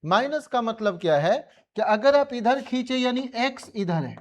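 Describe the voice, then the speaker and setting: A man's voice: very high-pitched, expressive, moderate pace. A male physics teacher with an Indian accent, giving a colloquial classroom revision lecture and pressing his students with repeated questions.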